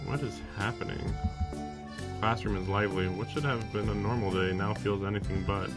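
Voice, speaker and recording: A man live streams a visual novel, reading its text aloud and tossing in casual, sarcastic asides, with game music playing behind him. His voice is on the low side, steady in tone, at normal speed.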